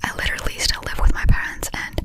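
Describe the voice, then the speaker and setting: A young woman from Finland whispering a fast, scattered, casual ASMR ramble with breathy delivery and frequent hesitations while chewing gum. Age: young adult, about 18. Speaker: ASMR creator.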